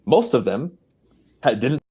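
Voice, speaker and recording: On a motivational podcast, a real estate coach whose first language is Spanish speaks English as a guest in an emphatic, punchy way with sweeping pitch jumps. His voice is very animated, mellow and a little breathy, and his pace runs a little slow.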